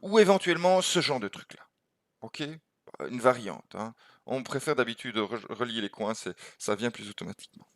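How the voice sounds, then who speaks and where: A man gives a recorded lecture on creative thinking over slides. He thinks aloud, pausing to check in with listeners and tagging his phrases with "hein" and "ok". His mid-pitched voice sounds close and dry, with no room around it. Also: expressive, no room sound. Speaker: creativity teacher.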